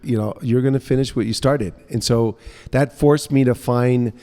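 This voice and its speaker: A man in his fifties, raised in the United States, telling stories in a relaxed, chatty way as a guest in an interview in a co-working space. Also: mid-range voice, normal speed, long reverb tail. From United States (grew up in New Orleans). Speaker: guest, entrepreneur. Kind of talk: casual interview conversation.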